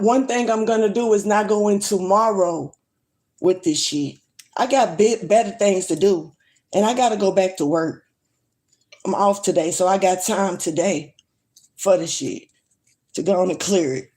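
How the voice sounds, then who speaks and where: On a casual livestream, a woman vlogger rants to the camera, blunt and swearing freely. Her voice is strong, medium in pitch and dark in tone.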